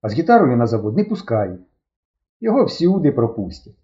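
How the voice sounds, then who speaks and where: A man reading an audiobook, voicing a grumpy, sharp-tongued boy who talks bluntly and scornfully. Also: medium pitch, sing-song, a little fast, dull audio, natural voice.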